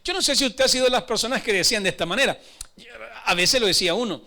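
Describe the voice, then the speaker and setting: Man, church sermon, earnest, high-pitched, bright tone. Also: expressive, quick pace. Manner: earnest, repeats words, acts out voices in stories. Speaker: pastor.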